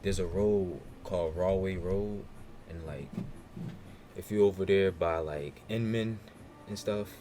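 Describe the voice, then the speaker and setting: A young man, co-hosting a casual podcast and telling stories in a relaxed, slang-heavy way. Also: deep voice, measured pace. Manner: laid-back slang-heavy storytelling. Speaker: podcast co-host. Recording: noisy room ambience.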